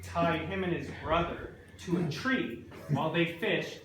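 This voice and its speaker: A man's voice: on the high side, measured pace. A man in his forties telling a rambling, digressive comic story with many asides to a live audience. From British Columbia, Canada. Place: hall before an audience. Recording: echoey hall, distant mic, loud noise.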